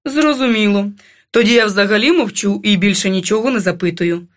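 A woman reading an audiobook, voicing a calm, quietly sinister male psychiatrist who speaks low and soothingly. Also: brisk, lightly acted. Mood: insistent.

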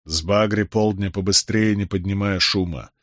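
A man's voice: lowish voice, fairly even intonation, normal speed, a bit bright, no echo, clean studio sound, close to an everyday voice. A man voicing a weary, disgraced middle-aged nobleman, with a heavy, sighing delivery in an audiobook reading.

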